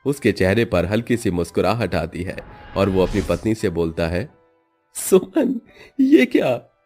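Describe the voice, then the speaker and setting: A man narrating a scripted story in a steady, even way. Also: low voice, normal speed, soft background music.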